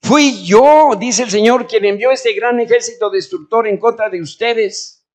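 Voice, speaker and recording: A man preaching a sermon in church as pastor, asking the congregation questions and moving between loud and quiet delivery. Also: sits high, steady tone, moderate pace.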